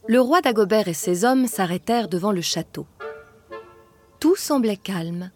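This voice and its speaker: A woman narrating a storybook in an expressive, mid-pitched voice. She takes her time, with a very slow, deliberate pace. Soft music sits faintly behind her. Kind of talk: storybook reading.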